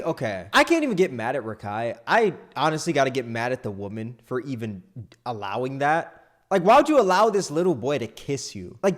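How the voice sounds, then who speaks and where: Animated man reacting live. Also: mid-range voice. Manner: animated, incredulous outbursts. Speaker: streamer reacting to a video.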